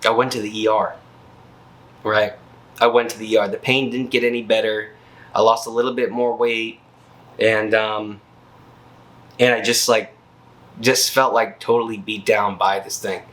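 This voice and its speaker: A man's voice: on the low side, little pitch movement, normal speed, pauses often, a bit bright. A worn-out man vlogging about his health in a casual, slangy, rambling way. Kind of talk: casual chat, health update.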